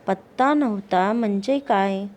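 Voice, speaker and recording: A woman teaching a primary school class with a Marathi accent. She explains slowly, asks the pupils questions and answers them herself, and recites a poem in a sing-song voice. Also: medium pitch, darkish tone.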